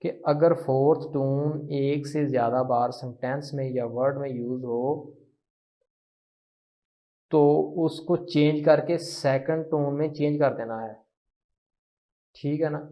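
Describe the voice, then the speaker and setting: A man teaching a language lesson, patient and repeating each phrase slowly for practice. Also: mid-range voice, steady tone, dark tone. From Pakistan. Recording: muffled lo-fi recording.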